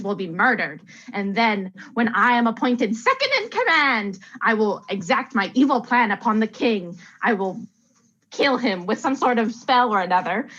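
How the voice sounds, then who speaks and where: A woman's voice: medium pitch, a bit bright. A woman playing a scheming evil wizard who chants and plots theatrically. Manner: slow incanting, theatrical villainy. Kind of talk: improvised comedy acting. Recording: dull lo-fi recording.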